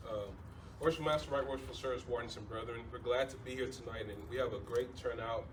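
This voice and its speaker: A man's voice: mid-range voice, fairly even intonation, fast talker. Distant man making semi-formal remarks in noise. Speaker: committee member introducing the program. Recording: distant microphone, clearly noisy room.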